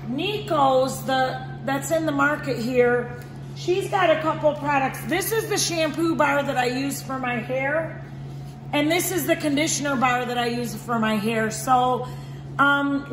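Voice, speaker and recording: Chatty woman in an echoey market. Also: high-pitched. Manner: chatty, enthusiastic, keeps saying okay guys. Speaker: shop owner. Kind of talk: product demo vlog. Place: indoor market stall with shelves. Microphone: handheld phone camera. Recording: echoey market hall with background noise.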